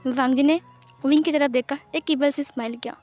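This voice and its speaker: High-voiced woman narrating a romance story. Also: steady tone, a little fast, a little mellow, faint music behind. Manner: simple, chatty narration with asides to listeners. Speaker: fan-fiction narrator.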